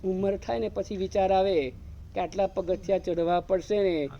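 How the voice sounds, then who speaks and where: Preaching an evening sermon as a monk, a man speaks at a moderate pace in a high, gravelly yet mellow voice with fairly level intonation. He keeps repeating phrases to press his points and throws rhetorical questions at the crowd, all on a dull lo-fi recording with slight background noise.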